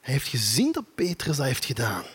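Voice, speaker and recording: A man preaching a lively sermon, acting out the scenes as he tells them. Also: mid-range voice, brisk, slightly rough. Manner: animated storytelling, acting out the scenes.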